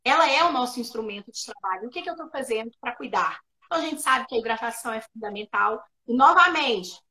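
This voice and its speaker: Mineira woman, bright and clear, explaining practical tips in a live video interview. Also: a little high, quick pace, low-quality recording. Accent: Minas Gerais Brazilian Portuguese. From Minas Gerais, Brazil. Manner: animated, practical, gives tips with examples. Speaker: guest, speech therapist and educator. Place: remote live video session.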